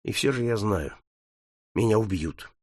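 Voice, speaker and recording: A man reading an audiobook, voicing a melancholy young soldier who expects to die, speaking low and subdued. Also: moderate pace, no room sound, clean studio sound, lightly acted. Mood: mournful.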